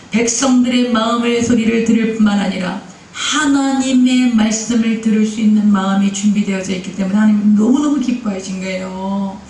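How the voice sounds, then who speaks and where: A man's voice: very high voice, a little mellow. A male pastor preaching a sermon, emphatic and repetitive, often turning to the congregation with direct questions. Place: church sanctuary. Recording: echoey church hall, mic at a distance.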